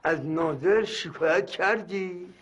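An actor playing a stingy, boastful older uncle back from abroad, blunt and teasing. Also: male voice, high-pitched, fairly bright tone, slight background noise. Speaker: visiting uncle. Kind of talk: sitcom acting.

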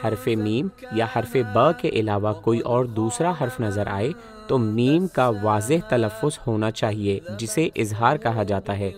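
A man teaching Quran recitation, explaining pronunciation rules in a calm, methodical, step-by-step way. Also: fairly low pitch, crowd noise.

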